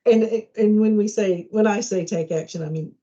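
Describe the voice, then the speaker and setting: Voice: medium pitch, normal speed, warm tone. A speaker in a casual work meeting, reflective and agreeable, thinking aloud about the issue. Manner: agreeable, reflective, many backchannels. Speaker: colleague in a work discussion. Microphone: video call. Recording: dull lo-fi meeting call.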